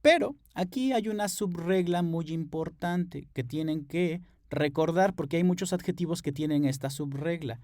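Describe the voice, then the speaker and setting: A man's voice: a little high, moderate pace, few pauses, darkish tone, dry recording, studio quality. Patient male teacher at a whiteboard. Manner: patient, explains step by step, checks in with "¿ok?". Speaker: English teacher. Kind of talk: whiteboard grammar lesson.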